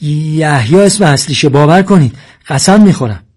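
A terrified young man stumbles over his words and pleads, husky and higher than the narration, as a man acts him out. The stammer is constant and anxious. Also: lively intonation, darkish tone. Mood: scared.

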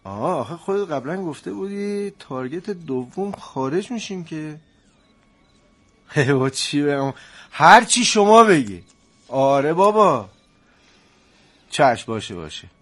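A man playing a harried father who trades online and is quick to snap at his family, in a scripted family drama. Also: fairly high pitch, expressive, a bit bright. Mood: tense. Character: harried middle-aged father trading online, easily flustered.

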